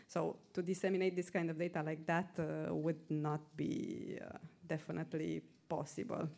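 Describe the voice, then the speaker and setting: A woman presenter answering audience questions at a conference, measured and hesitant, with frequent fillers. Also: on the low side, darkish tone.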